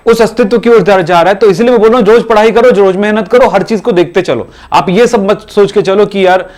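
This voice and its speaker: A man's voice: sits high, fairly quick, darkish tone. A man teaching chemistry in a classroom, urging students to study every day in a repetitive, exhorting way. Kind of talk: classroom lecture.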